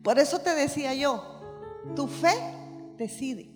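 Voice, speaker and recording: A woman's voice: sits high, unhurried. A woman preaching a sermon, emphatic and repetitive, with frequent calls of amen. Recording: reverberant hall with faint music.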